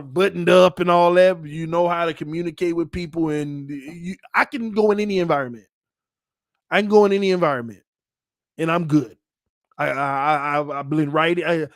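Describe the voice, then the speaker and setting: A thirty-something man with a slightly raised pitch talks openly about his own life. He speaks casually and often laughs, with plenty of ums and restarts. His voice sounds close and dry, with no room around it. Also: dry recording. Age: 30s. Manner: candid, laughs often, many fillers and restarts. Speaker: channel host. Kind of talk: casual personal storytelling.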